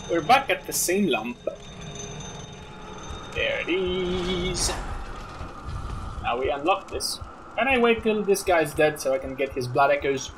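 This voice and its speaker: A man's voice: fairly high pitch, lively intonation, unhurried, pauses often, a bit bright, a little hiss or hum. A man in his thirties giving casual let's play commentary, with playful muttered asides to himself and the game. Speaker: gaming video host. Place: small room indoors. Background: game music.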